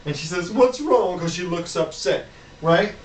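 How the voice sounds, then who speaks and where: High-voiced chatty male DJ, roomy and off-mic. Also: steady tone, normal speed, far from the mic, slight background noise. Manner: chatty, loose, with fillers and asides. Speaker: DJ presenting hip-hop samples. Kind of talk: casual commentary over records. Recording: roomy, off-mic, music behind. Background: music playing.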